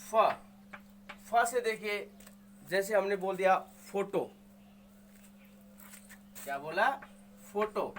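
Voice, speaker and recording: A man's voice: high voice, slow pace, pauses often, fairly bright tone, a little hiss or hum. A man teaching Hindi grammar, sounding out each word and repeating it patiently, asking and answering his own questions. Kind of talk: explaining Hindi grammar to students.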